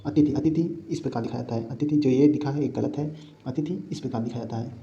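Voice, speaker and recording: A man's voice: mid-range voice, steady tone, fast, warm tone, dull audio. A male teacher giving a Hindi spelling lesson for exam prep, who repeats each word and keeps asking his students rhetorical questions. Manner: repeats words and asks the class rhetorical questions.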